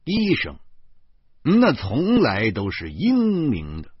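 A man's voice: medium pitch, takes it slowly, slightly rough, no echo. Wry man reading a novel. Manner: wry, animated storytelling. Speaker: audiobook narrator. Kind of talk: first-person novel narration. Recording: dull lo-fi recording.

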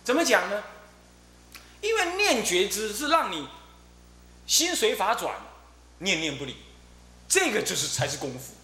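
A middle-aged man, giving a Buddhist dharma talk as abbot and telling stories in a lively way, often repeating his fillers. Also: sits high. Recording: roomy echo with faint hum.

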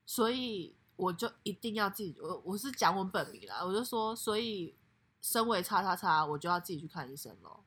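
A young woman co-hosts a casual podcast chat, talking with a lively swooping pitch. She often bursts into high laughing exclamations. Her tone is bright and a little breathy. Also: fairly quick. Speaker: podcast co-host.

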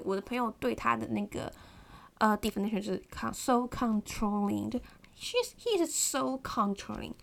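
A young woman hosting a podcast, telling a personal story in an animated, casual way, often acting out someone shouting. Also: a little high, vocal fry. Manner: animated, mimics a shouting partner, many fillers. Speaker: podcast host.

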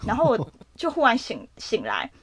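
A young woman with a Taiwanese Mandarin accent tells a long story to her co-hosts, chatty and animated, laughing as she goes. Her voice sits a little high. The recording is close and dry, with almost no room sound. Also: brisk, breathy edge, no echo. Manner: animated, laughs often while telling a story. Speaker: podcast co-host. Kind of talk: casual storytelling chat.

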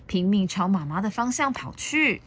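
A woman storyteller reading a picture book aloud, expressive and steady. She stops now and then to ask listeners questions, speaking at a middle pitch for a woman. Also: normal speed, a little hiss or hum.

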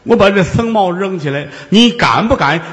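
A man's voice: animated, normal speed, a bit bright. A man doing a teasing mad monk. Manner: teasing, drawling, lower voice. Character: mischievous mocking eccentric monk. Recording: long hall reverb.

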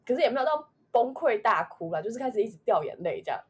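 Her voice is a little high, husky and sing-song, and she talks fast. She's a Taiwanese Mandarin-accented woman in her twenties co-hosting a laid-back podcast, wandering through a memory of her own with plenty of filler words.

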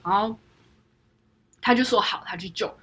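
A woman's voice: medium pitch, normal speed, a bit bright, slightly rough. A woman co-hosting a podcast, telling a story with lots of laughter and English words mixed in. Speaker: podcast co-host. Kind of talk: casual chat.

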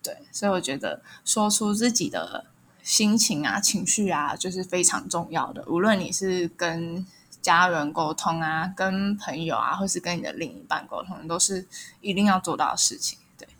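Young woman, taiwanese mandarin accent, low-pitched, reflective, casual storytelling. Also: animated, normal speed, a bit bright, slight background noise. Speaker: podcast guest.

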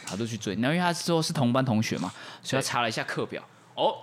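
A man's voice: medium pitch, lively intonation. A young man, co-hosting a podcast and joking his way through an improvised story. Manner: quick, joking narration. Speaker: podcast co-host.

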